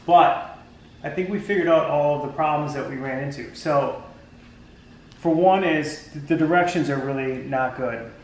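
Rambling DIY dad in an echoey garage. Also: male voice, fairly high pitch, moderate pace. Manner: relaxed, rambling, many ums and restarts. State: tired. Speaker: DIY channel host. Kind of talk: casual how-to vlog. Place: garage workshop, indoors.

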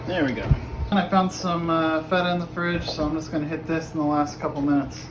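Talking fairly quickly in a steady, somewhat high voice, a middle-aged man casually demonstrates a recipe step by step, offhand and unpolished. A nearby phone camera captures it in his home kitchen, and the video is clearly noisy.

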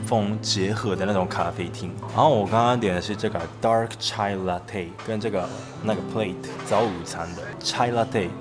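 A man's voice: fairly low pitch, normal speed, hardly any pauses, music in the background. A young man from Japan, a native Japanese speaker, chatting casually in Japanese-accented Mandarin as a vlogger. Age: young adult. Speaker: travel and food vlogger. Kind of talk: casual vlog chat.

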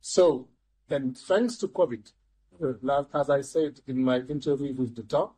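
An older man speaking as an economist guest in a studio interview, measured and restarting his words often. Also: medium pitch, dark tone, breathy edge, low-quality recording. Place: TV studio, seated in armchair.

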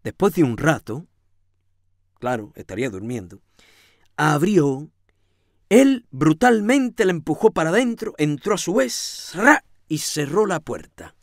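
Guy reading a novel out loud, super theatrical, hushed then yelling, pitch all over the place. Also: very animated, a little slow, no room sound. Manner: theatrical, swings from hushed to shouting. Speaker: audiobook reader. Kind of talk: dramatic first-person novel reading.

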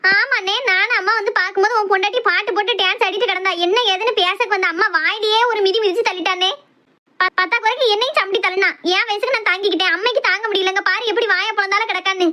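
A woman with a Kanyakumari Tamil accent playing a loud, dramatic sister-in-law who keeps accusing her family in a comedy skit. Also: very high voice, fairly even intonation, quick pace.

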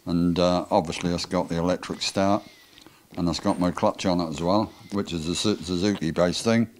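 A man's voice: low-pitched, steady tone, moderate pace, a little hiss or hum. An older man with a Norfolk English accent, a motorcycle engine builder answering questions briefly in his workshop. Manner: brief, plain-spoken, dialect grammar. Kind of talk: casual workshop interview. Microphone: handheld microphone with windscreen.

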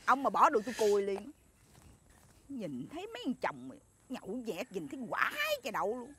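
A woman's voice: medium pitch, sing-song, a little fast, noisy background. A woman with a Southern Vietnamese accent playing a scolding wife in a comedy skit. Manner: scolding, sharp-tongued.

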